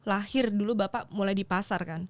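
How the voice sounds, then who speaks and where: A woman's voice: medium pitch, brisk, no room sound. A woman in her thirties from Yogyakarta, a business founder chatting as a podcast guest and slipping English phrases into her talk. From Yogyakarta, Indonesia. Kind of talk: casual interview chat.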